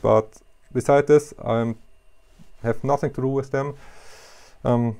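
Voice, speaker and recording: A middle-aged man with a German accent, a non-native English speaker, talking casually and haltingly to camera about his hobby machining in his basement workshop. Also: medium pitch, gravelly, a little mellow. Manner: halting, many fillers, self-deprecating. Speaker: YouTuber, hobby CNC machinist.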